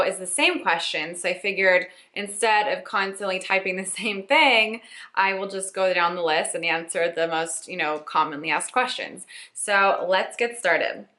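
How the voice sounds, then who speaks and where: A woman in her late twenties, a lifestyle blogger chatting through a casual rapid-fire Q&A with a playful, self-teasing manner. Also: mid-range voice, sharp tone, reverberant. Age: late 20s.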